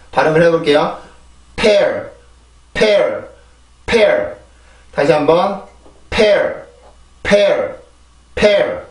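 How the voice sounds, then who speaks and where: Man, pronunciation teacher, patient drill-style delivery, a bit high, echoey and off-mic. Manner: patient, repeats words in drills, asks "그죠?". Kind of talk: explaining lesson with drills. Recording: echoey room, mic at a distance.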